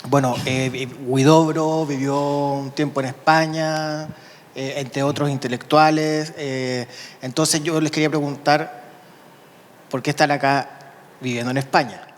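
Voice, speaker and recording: A man's voice: fairly high pitch, steady tone, measured pace. A man moderating a panel, asking questions hesitantly with many fillers. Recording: long hall reverb.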